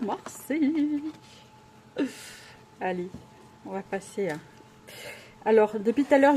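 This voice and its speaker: A woman's voice: mid-range voice, darkish tone, slight background noise. A woman vlogger chatting casually while unboxing at home, gushing with exclamations and often hesitating.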